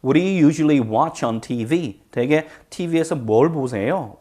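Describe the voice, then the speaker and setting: A man's voice: on the high side, animated, dark tone. Man teaching English phrases. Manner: drills English phrases slowly, explains quickly in Korean. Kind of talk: language lesson.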